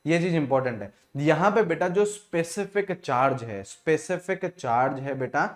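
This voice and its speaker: A man's voice: a little high, animated, normal speed. A man with an Indian accent teaching exam chemistry, who asks questions and answers them himself and calls students "beta". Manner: calls listeners beta, repeats key points. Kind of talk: exam revision lecture.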